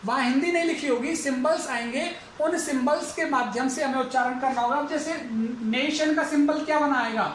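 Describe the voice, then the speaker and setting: A male English lecturer giving a phonetics lesson for exam students, who repeats each example word slowly several times. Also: very high-pitched, a bit bright. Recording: echoey room, faint background noise.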